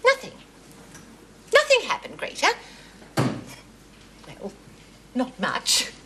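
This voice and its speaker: An actress playing a giggly, coy middle-aged housewife. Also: female voice, very high voice, wildly swooping pitch, slow pace, heavily acted. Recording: noisy sitcom audio.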